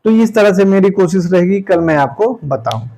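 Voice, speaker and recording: Patient, fairly high-voiced male Hindi teacher. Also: animated, warm tone, rough recording. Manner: repeats words slowly, tags lines with "ठीक है"; plain, patient explaining with everyday examples. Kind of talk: exam-prep grammar lesson.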